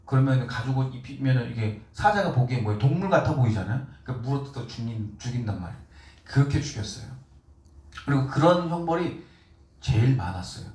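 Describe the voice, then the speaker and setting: A man preaching a sermon as pastor, talking in a casual, animated way and acting out quotes with short laughs. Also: medium pitch, quick pace. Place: church sanctuary. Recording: echoey room, voice from far off mic.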